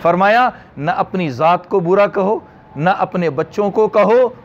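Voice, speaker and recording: A man's voice: high-pitched, lively intonation, unhurried. A man with a Pakistani Urdu accent preaching a religious sermon, emphatic, repeating phrases and asking rhetorical questions. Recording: dull lo-fi recording.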